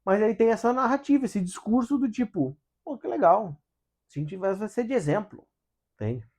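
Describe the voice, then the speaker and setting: A man's voice: high-pitched, lively intonation, normal speed, darkish tone. A man hosting a casual spiritual book study in Brazilian Portuguese, talking with animation, asking rhetorical questions and acting out quotes in different voices.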